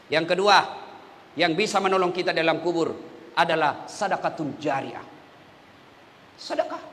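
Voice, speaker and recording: A man preaching an animated, emphatic sermon, dropping to soft asides. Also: a little high, moderate pace, big-room sound.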